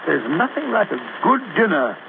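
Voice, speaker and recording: High-voiced, blustering British Doctor Watson. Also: male voice, very animated, normal speed, gravelly, exaggerated voice. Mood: genial reminiscence. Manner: blustery, hesitant, stammering. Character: flustered, loyal, blustering male doctor sidekick. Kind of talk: 1940s radio acting. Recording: noisy, tinny 1940s radio recording.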